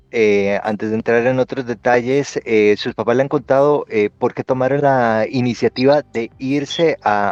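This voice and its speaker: A man's voice: medium pitch, a little mellow, no echo, muffled recording. A man hosting an interview, asking questions hesitantly with fillers. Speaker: host.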